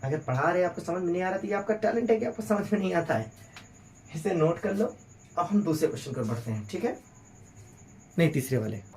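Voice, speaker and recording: A man's voice: sits high, expressive, fairly quick, pauses often, a little mellow, echoey room, distant mic, a little hiss or hum. A man teaching a physics lesson, solving problems step by step on the board and talking in a teasing, chatty way to his pupils. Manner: joking, teasing, chatty, addresses pupils as "beta".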